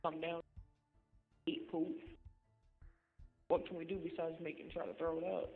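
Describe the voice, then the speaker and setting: A woman's voice: low-pitched, little pitch movement, moderate pace, creaky. A woman on a prison phone call, reassuring and hesitant, with fillers. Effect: prison phone call audio. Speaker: partner calling a jailed man. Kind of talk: casual phone conversation. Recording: tinny jail phone line with reverb and faint music.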